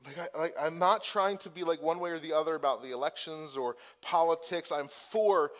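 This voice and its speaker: A man's voice: a little high, moderate pace, a bit bright. A man preaching a sermon as pastor, moving from conversational asides with restarts to impassioned, emphatic peaks.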